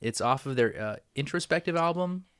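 A man hosting a podcast in casual chat, jokey and quick to swear. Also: on the high side, lively intonation, a bit bright, smooth, no echo, clean studio sound. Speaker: podcast host.

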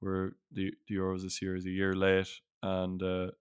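Irish bloke hosting relaxed sports chat, really smooth clean voice, pretty flat low tone. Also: male voice, moderate pace, no room sound. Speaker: podcast host.

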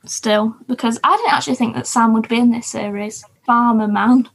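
A woman's voice: a little high, fairly even intonation, normal speed, vocal fry, breathy edge. A woman co-hosting a podcast, chatting enthusiastically about TV shows with lots of fillers. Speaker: podcast co-host. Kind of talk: casual chat about TV shows.

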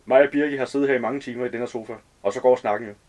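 A man's voice: medium pitch, fairly even intonation, darkish tone, natural voice. A man reading aloud as a talkative, overly familiar man in his early forties who rambles in slangy chatter.

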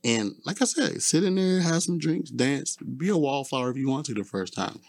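A man's voice: medium pitch, big pitch swings, moderate pace, no echo. A man talking as a podcast guest, giving blunt, profane advice in casual chat.

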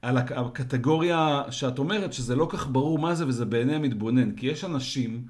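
A man co-hosting a casual podcast discussion, calmly restating points and giving examples. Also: mid-range voice. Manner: calm, restates and expands with examples. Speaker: co-host.

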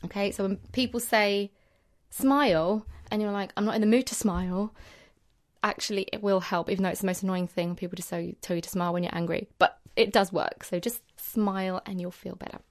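A woman's voice: medium pitch, fairly even intonation, brisk. Bubbly, encouraging woman podcast host. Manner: bubbly, encouraging, laughs often. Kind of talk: upbeat solo podcast talk.

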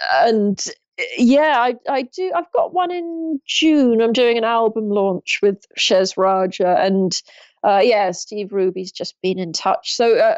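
A woman's voice: mid-range voice, darkish tone, no echo, dull audio. A woman drummer in her thirties chatting in an interview, laughing often and restarting her sentences. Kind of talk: casual interview chat.

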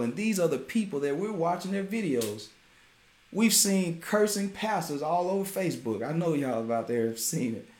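A man preaching an informal sermon, animated and laughing often as he talks. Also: sits high, roomy sound.

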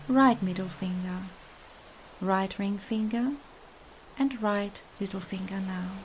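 A woman leading a guided meditation in a calm, meditative, soothing tone, with soft, breathy phrase endings. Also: mid-range voice, slight background noise.

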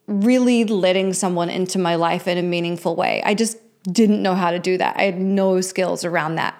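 A woman's voice: medium pitch, a little mellow. A woman of about forty hosting her own show, talking candidly and reflectively in a confessional, conversational life update to her followers. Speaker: host of a personal show.

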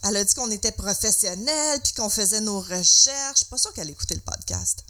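Chatty Québécoise podcast co-host, bright voice. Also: female voice, mid-range voice, animated, a little fast. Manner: chatty, rambling with fillers and English words. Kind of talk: casual chat.

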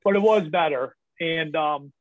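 A man's voice: fairly high pitch, unhurried, no room sound. Man telling stories over a tinny line. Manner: candid, laughs often, many fillers. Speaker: podcast guest. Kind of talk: casual storytelling. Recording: tinny phone-like line, dry.

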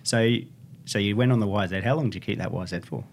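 A man's voice: lowish voice, fast, slight background noise. An Australian man hosting a casual interview podcast, talking in an informal, blokey tradesman manner. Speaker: podcast host.

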